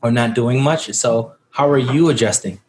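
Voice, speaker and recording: A man's voice: mid-range voice, normal speed, a little mellow. A man hosting a podcast, asking long, rambling questions full of fillers. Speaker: podcast host. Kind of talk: casual interview chat.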